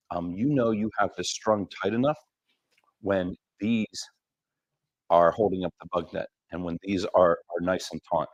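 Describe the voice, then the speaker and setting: A man's voice: low voice, dry recording. A man hosting a live stream for his gear company, casually explaining how a hammock works, with many ums along the way.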